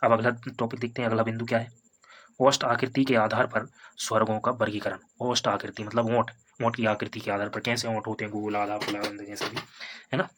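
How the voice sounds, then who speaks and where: A man teaching a Hindi grammar lesson for exam preparation. He repeats each point, sounds out vowels slowly as examples, and keeps checking in with "है ना" and "ठीक है". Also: fairly low pitch, little pitch movement, fairly bright tone, slight background noise. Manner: repetitive, explains step by step with tags like "है ना" and "ठीक है".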